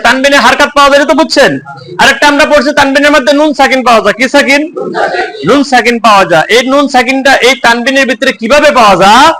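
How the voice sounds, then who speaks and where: A man's voice: very high-pitched, bright, forceful tone, poor audio. A man teaching Quran reading in a mosque, constantly quizzing his class with repeated questions and homely examples. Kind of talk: classroom teaching with call-and-response.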